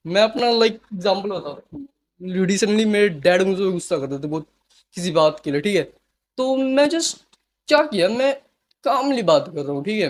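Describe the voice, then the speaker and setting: Young man giving casual life advice. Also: high-pitched. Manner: chatty, conversational, keeps checking in with the listener. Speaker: self-help vlogger. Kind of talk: casual motivational advice talk.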